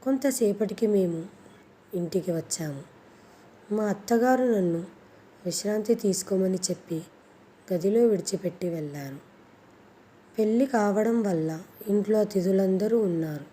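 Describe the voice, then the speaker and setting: A woman narrating a scripted first-person story in a steady, plaintive way. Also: mid-range voice, measured pace, long pauses, slight background noise.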